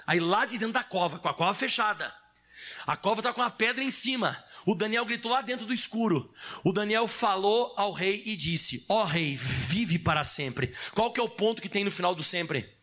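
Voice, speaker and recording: A man's voice: high voice, fairly quick, sharp tone. A man with a Brazilian Portuguese accent preaching a sermon as a pastor. He tells the story dramatically, acts out sound effects, and calls his listeners brother. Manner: emphatic, addresses listeners as brother.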